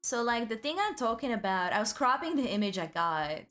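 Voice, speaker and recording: A woman with a fairly high voice streams in a cute anime streamer manner. She chats casually and rambles through her asides with an excitable streak. Music plays behind her. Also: brisk. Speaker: VTuber livestream host. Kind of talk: casual livestream chat.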